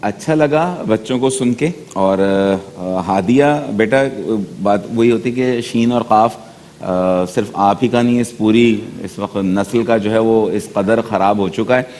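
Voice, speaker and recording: Measured male judge, echoing hall. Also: fairly low pitch, darkish tone, slight background noise. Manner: measured, advisory, many hesitation fillers. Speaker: judge of a speech contest. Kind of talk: critique on a studio panel. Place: TV studio. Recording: reverberant studio hall.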